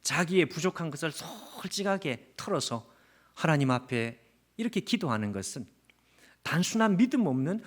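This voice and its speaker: Earnest Korean pastor with a lively voice. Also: male voice, on the high side, moderate pace. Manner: speaks Jeremiah's prayer as his own, dropping to a hushed near-whisper; earnest, asks the congregation questions directly. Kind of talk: revival sermon. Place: church sanctuary.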